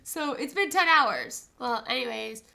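A young woman co-hosting a podcast chats casually and tells stories, laughing often despite a stuffy nose. Her voice is on the high side, expressive and unhurried, with vocal fry and a sharp tone.

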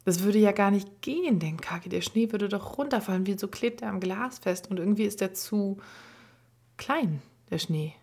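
A woman reading a children's story aloud, gently narrating and sometimes dropping to a half-whisper. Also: mid-range voice, moderate pace.

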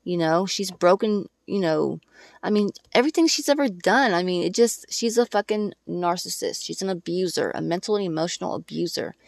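A woman ranting angrily on her podcast, swearing constantly and hammering home her points. Her voice has a rough, gravelly edge, and the dry sound sits close and plain. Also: on the low side, expressive, brisk, no echo. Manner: angry, profane and emphatic. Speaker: podcast host. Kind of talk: casual ranting monologue.

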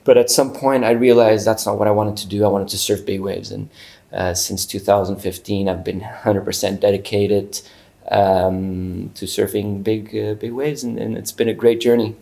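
A man's voice: lowish voice, fairly even intonation, moderate pace, gravelly, warm tone. A man, a guest chatting casually in an interview, easygoing and full of fillers. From Portugal. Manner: easygoing, many fillers and restarts.

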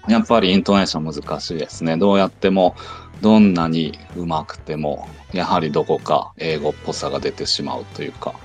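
A man with a very low voice talks through language teaching in a relaxed online audio chat. He explains things patiently and step by step. Soft music sits faintly in the background. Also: fairly quick.

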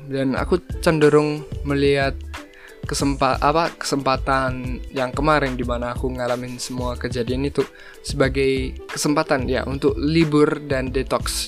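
A young man hosting a casual solo podcast, talking in a relaxed way and slipping in English phrases. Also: medium pitch. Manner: relaxed, mixes English phrases, frequent fillers. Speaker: podcast host.

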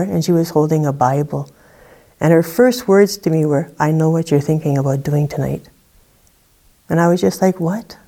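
Low-voiced woman sharing her testimony. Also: warm tone. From Saskatchewan, Canada. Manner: conversational storytelling with many "you know" and "like" fillers. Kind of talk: personal testimony.

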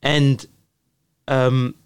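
A man's voice: mid-range voice, level tone, drawn-out words, clear, resonant tone, no echo. A man hosting a casual podcast chat, supportive and hesitant as he gathers his thoughts. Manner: supportive, frequent affirmations, hesitant. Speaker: host.

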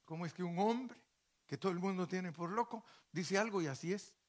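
A man's voice: high voice, fairly quick. A male pastor preaching a sermon in a folksy, joking way, full of rhetorical questions and asides to the congregation.

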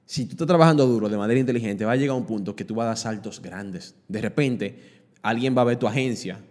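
A man's voice: fairly low pitch, quick pace, darkish tone, big-room sound. A man with a Dominican accent giving an emphatic motivational talk to camera, driving points home with repeated rhetorical questions. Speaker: motivational speaker.

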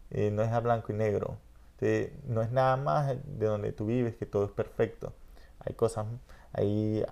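On dull-sounding audio, a middle-aged Venezuelan podcast host speaks in a low, mellow voice with vocal fry. His casual conversation is reflective and rambling, full of "¿entiendes?"

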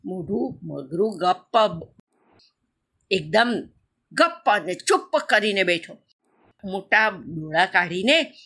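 A woman narrating a children's story in a lively, expressive way. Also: medium pitch.

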